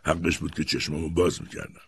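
Man doing a bitter boss whispering through his teeth, breathy. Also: a bass voice, flat delivery, fairly bright tone, dry recording, studio quality, heavily acted. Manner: hissing whisper.

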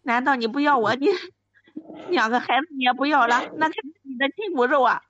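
A woman playing a high wailing wronged wife. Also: a little fast, fairly bright tone. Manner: wailing, pleading, whiny. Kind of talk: comedic radio skit. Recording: dry, dull lo-fi sound.

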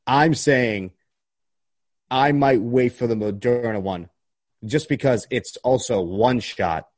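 A man's voice: medium pitch, slow, a little mellow, dry recording, clean studio sound. A young man from Philadelphia with a Philly accent, co-hosting a casual chat podcast in a teasing, joking way. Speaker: podcast co-host.

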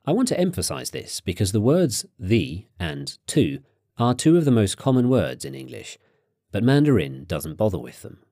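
A man narrating a language course, asking prompting questions and explaining grammar in a clear, instructive way. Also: fairly low pitch, sing-song, moderate pace, dark tone, no room sound, studio quality.

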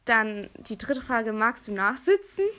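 A young teenage girl with a high, bright voice puts questions to her friend. She is chatty and giggly, keeping it casual throughout. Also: sing-song, measured pace. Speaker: friend asking quiz questions. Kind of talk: casual chat in a question challenge.

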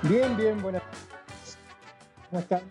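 A man with an Argentine accent, co-hosting a radio show over a poor, breaking-up Skype call, talking in a casual, halting way. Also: sits high, loud music behind the voice. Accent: Argentine Spanish. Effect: poor, breaking-up Skype call audio. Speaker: radio co-host. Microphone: computer over Skype. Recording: dull lo-fi internet call.

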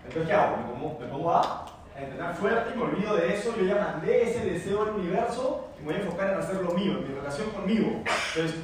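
High-voiced man in a very echoey hall. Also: fast, crowd noise. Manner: animated, repetitive, asks the audience questions. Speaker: motivational speaker. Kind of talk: motivational talk with anecdotes. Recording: very echoey room, mic far off, faint noise.

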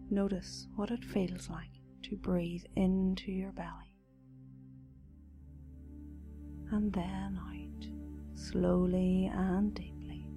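Soft, slow woman guiding a meditation. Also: mid-range voice, level tone, over music. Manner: soft, slow, soothing, partly breathy. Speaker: meditation guide. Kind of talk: scripted guided meditation.

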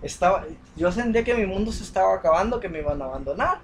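A man's voice: high-pitched, expressive, fast, slight background noise, rough recording. A young man telling a story in casual chat, with many fillers and restarts. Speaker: podcast co-host.

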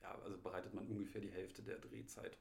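A man's voice: low-pitched, level tone, gravelly. A man from Munich, a film assistant director, answering interview questions with many hesitations and filler sounds. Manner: hesitant, many ums and pauses. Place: host's living room. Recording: echoey home room.

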